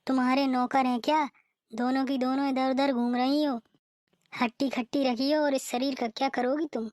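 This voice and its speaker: A high-pitched, bossy elder sister-in-law from a cartoon, played by a woman, nagging and grumbling in a steady, even tone. The voice sits close and dry, with almost no room sound. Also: moderate pace, no echo, lightly acted. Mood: angry. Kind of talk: cartoon voice acting.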